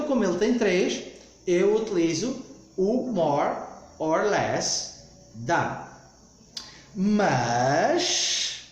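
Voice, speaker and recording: A man teaches an English grammar lesson, speaking slowly and repeating key points with frequent "ok?" checks. His voice sits a little high and moves through a lively pitch range. The recording has a roomy echo. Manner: slow, repetitive explaining, frequent "ok?" checks.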